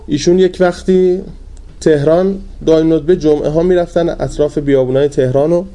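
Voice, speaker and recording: A man delivers a sermon in a colloquial, storytelling way, his pitch swinging lively up and down.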